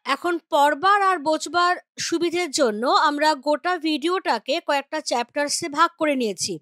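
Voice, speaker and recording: High-voiced woman teaching grammar. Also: brisk, fairly bright tone, dry recording, clean studio sound. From West Bengal. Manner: patient, explains with spoken examples. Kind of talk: grammar lesson explanation.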